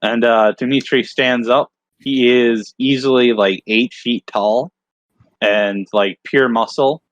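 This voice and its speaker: A man's voice: medium pitch, fairly even intonation, slow pace, dry recording, muffled recording. A man narrating as the game master of a tabletop game, hesitant and full of fillers. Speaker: dungeon master.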